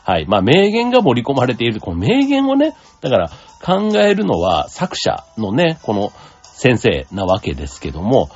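Man, solo talk host, husky, lively pitch, relaxed rambling, dull lo-fi sound. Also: normal speed. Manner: relaxed, rambling, many fillers. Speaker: podcast host. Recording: dull lo-fi sound with faint music.

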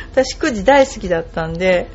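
A woman's voice: mid-range voice, expressive, fairly quick, darkish tone. Chatty woman host, lo-fi sound. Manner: chatty, rambling with many fillers. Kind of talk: casual radio talk. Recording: slightly dull lo-fi sound with faint music.

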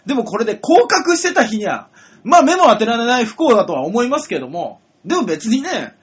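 Husky, high-voiced man telling comic anecdotes. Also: big pitch swings, a little fast. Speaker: comedian co-host. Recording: dull lo-fi audio with music behind.

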